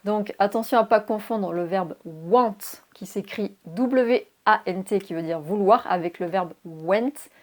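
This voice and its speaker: A woman teaching English pronunciation in a video lesson. She explains clearly and spells words out letter by letter. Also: mid-range voice, a little slow, hardly any pauses.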